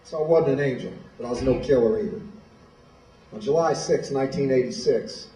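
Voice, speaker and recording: A man's voice: medium pitch, brisk, dark tone, distant mic. Plainspoken man in an echoey hall. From Illinois, USA. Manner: plainspoken, storytelling. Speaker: guest speaker at a school. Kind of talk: personal testimony speech. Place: high school hall.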